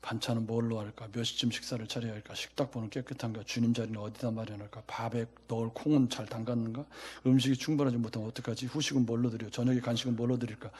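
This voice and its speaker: A preacher reads out a busy woman fretting over her preparations. Quiet, anxious self-talk in a slightly lower, softer tone than his own. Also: little pitch movement, quick pace, few pauses, slightly rough, natural voice.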